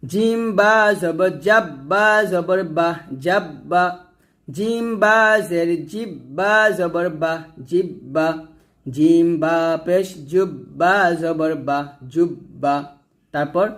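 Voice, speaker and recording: A man teaching Quran reading, spelling out letters slowly and then blending them into words for viewers to repeat. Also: high voice. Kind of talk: step-by-step recitation lesson.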